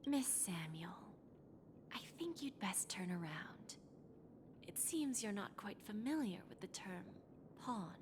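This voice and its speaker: A woman voicing a courteous, enigmatic pawnshop owner in a video game, speaking in a formal, teasing, deliberate way. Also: medium pitch, sing-song, background noise. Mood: knowing, composed. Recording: music behind. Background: game music.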